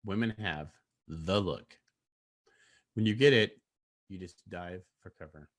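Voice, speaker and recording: A man's voice: sits low, a little slow. A man co-hosting a live online talk show, telling rambling stories in a laid-back, casual way. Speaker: co-host. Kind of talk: casual chat.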